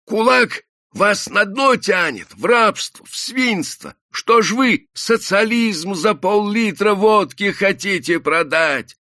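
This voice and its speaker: A man voicing a hoarse, agitated worker who shouts speeches at a crowd. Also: high-pitched, expressive, slow pace, no echo, clean studio sound, voice pushed up, heavily acted. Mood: shouting. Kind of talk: audiobook character voice.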